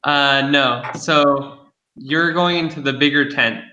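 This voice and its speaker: A man's voice: medium pitch, slow, pushed and bright, roomy sound, highs cut off, slight background noise. A man running a tabletop role-playing game as game master, narrating scenes and talking with his players.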